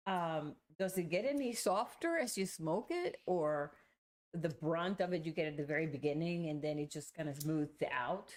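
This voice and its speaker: A woman's voice: deep voice, lively intonation, moderate pace. A woman co-hosting a casual live chat in a plain-spoken, conversational way. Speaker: livestream co-host.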